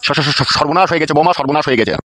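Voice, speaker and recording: A man's voice: on the high side, level tone, racing, very noisy, lightly acted. A man voicing a panicked, stuttering older father in a cartoon.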